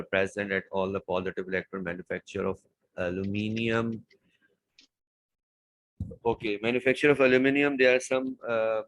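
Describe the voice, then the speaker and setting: A man's voice: lowish voice, poor audio. A man tutoring chemistry, walking through exam questions step by step and repeating key words. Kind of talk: exam paper walkthrough lesson.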